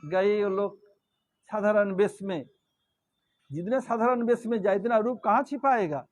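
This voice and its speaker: A man with a high voice tells a scripture story as a sermon in a temple hall. He keeps it lively and acts out the characters as he goes. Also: unhurried. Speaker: preacher.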